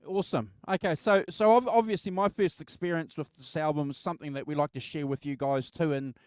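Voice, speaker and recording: A middle-aged man hosts a relaxed album discussion in a fairly high, clear voice. He repeats and restarts words as he talks. The recording is close and dry. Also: no room sound. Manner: halting, repeats words and stumbles. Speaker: host of a music album show. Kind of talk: casual chat, personal reminiscence.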